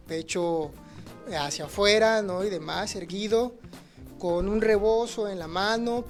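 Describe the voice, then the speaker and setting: A man, a teacher answering audience questions in a livestreamed talk, earnest and explanatory, often checking in with the listener. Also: high voice. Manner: earnest, explanatory, frequent "¿no?" tags and restarts. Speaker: teacher speaking on conflict resolution.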